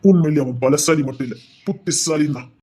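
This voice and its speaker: A man with a Tirunelveli accent playing a scheming, possessive male villain who drops into slow, low, coaxing threats in a dramatic serial. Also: noisy background, lightly acted. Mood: menacing. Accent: Tirunelveli Tamil.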